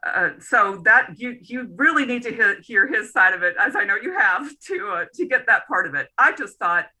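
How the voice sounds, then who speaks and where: A middle-aged woman, a literary scholar, telling an anecdote in a relaxed interview, often laughing and restarting her sentences. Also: fairly high pitch, moderate pace, low-quality recording. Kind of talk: conversational interview storytelling.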